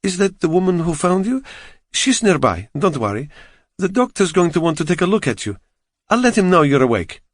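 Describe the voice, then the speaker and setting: A brisk, reassuring hospital nurse with an Eastern European accent, as a male audiobook reader voices her. The voice is pushed higher and kind. The recording is close and dry. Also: big pitch swings, no echo. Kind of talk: audiobook character voice.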